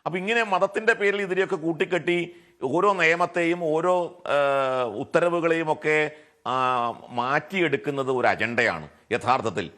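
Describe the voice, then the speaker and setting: Pushing his slightly high voice hard and bright at normal speed, a TV debate panelist with a Malayali accent presses his argument. He keeps firing off rhetorical questions as he makes his point.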